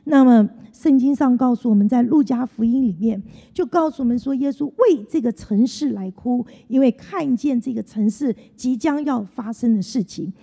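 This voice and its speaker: A woman's voice: on the high side, normal speed, creaky, few pauses, dark tone, husky. A woman preaching a sermon in an earnest tone, repeating her key phrases. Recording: long hall reverb.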